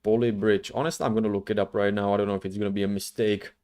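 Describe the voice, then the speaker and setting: A man's voice: fairly low pitch, level tone, darkish tone. Casual, rambling male livestreamer. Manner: rambling, slangy, halting. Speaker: streamer, VTuber host.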